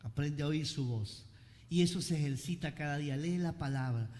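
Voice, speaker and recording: A male pastor preaching a fervent sermon in a church, calling his listeners brothers and building to shouts. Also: on the high side, moderate pace, in a large hall.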